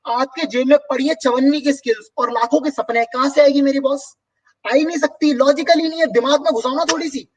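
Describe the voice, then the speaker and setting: A man's voice: very high voice, fairly even intonation, a little fast, recorded from a distance, poor audio. A man hosting a motivational business talk and answering viewer comments, speaking emphatically with rhetorical questions.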